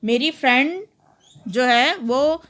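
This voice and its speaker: A woman teacher, patiently explaining worksheet answers step by step and reading sentences slowly. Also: sits high, a bit bright. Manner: patient, explains each example step by step, reads English slowly.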